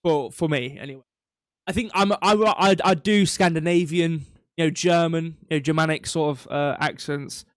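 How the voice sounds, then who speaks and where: A man's voice: fairly high pitch, moderate pace, no room sound, studio quality. A man hosting a quiz on a live stream, chatty and rambling, with mock-indignant rants. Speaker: quiz host.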